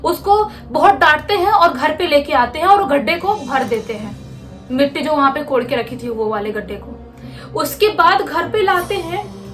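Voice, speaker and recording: A woman's voice: high-pitched, animated, normal speed, fairly bright tone, soft background music. A woman telling a true horror story in a casual, conversational way, acting out moments as she goes. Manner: conversational, gestures with words like "like this".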